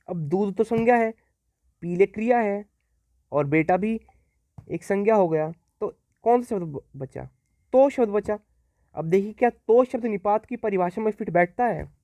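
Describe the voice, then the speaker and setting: A man's voice: high voice, mellow, dry recording. A man teaching a recorded grammar lesson, explaining step by step, repeating key words and answering his own questions.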